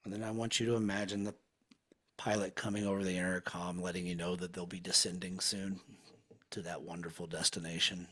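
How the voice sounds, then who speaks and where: Low, husky man guiding a hypnosis. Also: level tone. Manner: slow, soothing, hushed. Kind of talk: guided hypnosis session.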